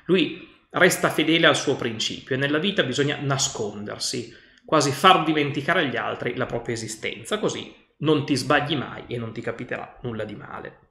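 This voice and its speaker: A male teacher reading a novel aloud and pausing to explain its old words. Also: medium pitch, bright, forceful tone. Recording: roomy echo.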